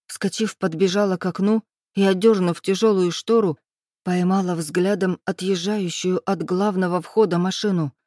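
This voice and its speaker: Woman, audiobook narrator, steady first-person reading, mellow and dry sound. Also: lowish voice, normal speed, no echo.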